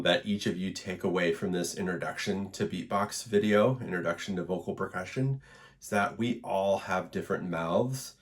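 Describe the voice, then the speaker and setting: A man teaching an introductory vocal percussion lesson in an encouraging, relaxed way, with frequent fillers. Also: fairly low pitch. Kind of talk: instructional video lesson.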